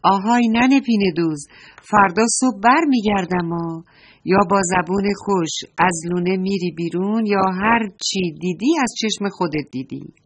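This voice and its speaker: Woman doing a loud bossy grasshopper. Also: mid-range voice, breathy edge, close to an everyday voice. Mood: threatening. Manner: loud, demanding.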